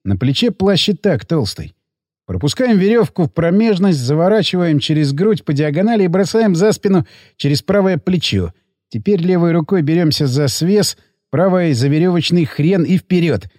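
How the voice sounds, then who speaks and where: A man narrating an audiobook in a gruff, coarse first-person voice. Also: on the high side, animated, normal speed, a little mellow, dry recording, clean studio sound.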